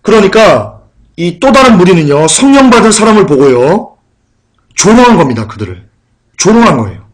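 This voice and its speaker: A man's voice: high-pitched, very animated, moderate pace. A male preacher giving a sermon in an emphatic, combative way, often repeating his key points. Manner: combative, denouncing.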